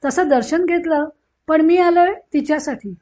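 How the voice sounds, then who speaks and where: A polite young husband who speaks humbly and earnestly, read by a woman narrator. The voice stays high. The recording sounds dull and muffled. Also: moderate pace, dark tone, lightly acted. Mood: humble.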